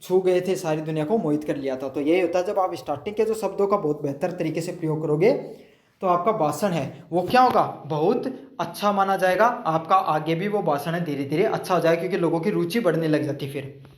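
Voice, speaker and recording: A man's voice: a little high, brisk, roomy sound. A male teacher going through exam questions, explaining each answer and checking with the students.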